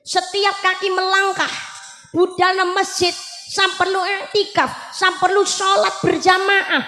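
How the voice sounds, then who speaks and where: A woman's voice: very high-pitched, flat delivery, measured pace, sharp tone, soft background music. A woman preacher with a Javanese accent, telling a story in a humorous sermon and voicing the people in her tale. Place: live religious gathering. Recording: echoey hall with long reverb.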